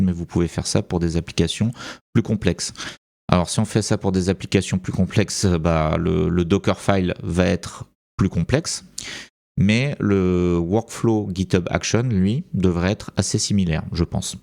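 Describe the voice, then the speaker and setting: A man's voice: low voice, steady tone, normal speed, creaky, darkish tone. A man with a French accent talking through a screen-recorded tutorial, thinking aloud and hesitating with many fillers. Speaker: tutorial presenter.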